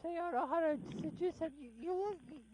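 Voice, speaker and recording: A woman's voice: very high-pitched, fast talker, heavy background noise. A woman hosting a call-in show, blunt and joking, rambling between callers. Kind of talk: casual call-in radio chat.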